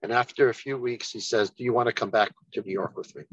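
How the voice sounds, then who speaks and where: A man giving a rabbi's holiday message, telling a story in an unhurried way and lifting his voice for the people he quotes. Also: mid-range voice, steady tone, slightly rough, no room sound, muffled recording. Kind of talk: sermon with storytelling.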